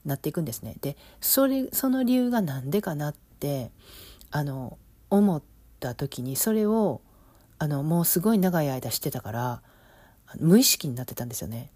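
A middle-aged woman with an Osaka lilt talks things over in a relaxed, reflective way, pausing on fillers and letting out small laughs. Her voice sits low and warm. The sound is dry and close, with no room echo. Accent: Osaka Kansai Japanese. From Osaka, Japan. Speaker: business coach, podcast host. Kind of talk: casual monologue.

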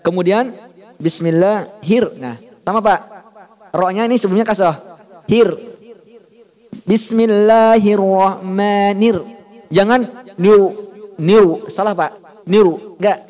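A man's voice: high voice, measured pace, pauses often, darkish tone. A man teaching Quran recitation, patiently correcting pronunciation and stretching out the sounds to demonstrate.

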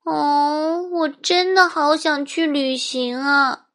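A woman voicing an eager, dreamy child in a storybook, with excited, drawn-out words. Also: high-pitched, voice pushed up, heavily acted. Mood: wistful.

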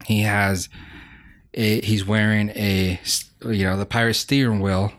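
A man's voice: on the low side, level tone, a little slow, fairly bright tone. A man co-hosting a gaming podcast, laid-back and dry, telling jokes at an easy pace. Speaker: podcast co-host. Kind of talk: casual chat.

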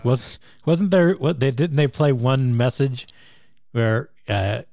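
A man's voice: medium pitch, slow, a little mellow, no echo. A man co-hosting a casual podcast, telling stories hesitantly with lots of fillers. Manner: hesitant, filler-heavy storytelling. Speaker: podcast co-host. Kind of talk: casual chat.

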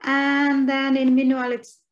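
A woman's voice: high-pitched, monotone, measured pace, highs cut off. A woman in her thirties from Indonesia, a podcast guest chatting at an easy pace, laughing often and rephrasing as she talks. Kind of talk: casual interview chat.

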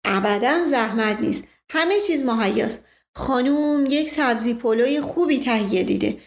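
A woman voicing a proud, excitable older man who heads the family and speaks formally. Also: on the high side. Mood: hospitable. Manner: pompous, formal.

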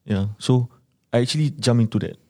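A man's voice: mid-range voice, brisk, warm tone. A Singaporean man chatting casually as an interview guest in colloquial Singlish, slipping between English and Malay. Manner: colloquial, with Singlish particles like lah and eh. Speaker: podcast guest, small business owner. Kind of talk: casual conversational advice, mixing English and Malay.

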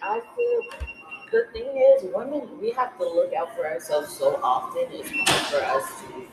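A woman's voice: mid-range voice, wildly swooping pitch, moderate pace. A young woman in her twenties co-hosting a podcast in casual chat, often hesitating and correcting herself. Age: 20s. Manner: hesitant, restarts and self-corrections. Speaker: podcast co-host. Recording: echoey room with noise.

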